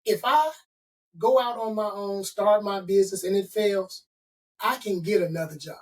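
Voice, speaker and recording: Interviewed at a distance from the mic, a middle-aged Chicago consultant and author talks at normal speed in a high voice. He is emphatic and motivational, stacking his points into lists.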